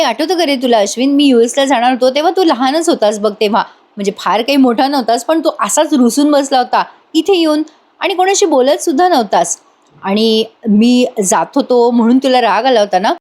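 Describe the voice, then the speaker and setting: A woman's voice: sits high, a little mellow. A woman voicing a grown man, a caring older brother who coaxes and pleads with affection. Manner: coaxing, affectionate, emotional.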